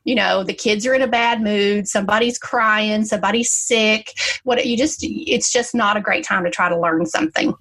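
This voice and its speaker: A woman's voice: medium pitch, moderate pace, a bit bright, husky. A woman giving casual baking advice in a chatty, storytelling way, lifting her voice to act out quotes. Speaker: baking guest giving tips.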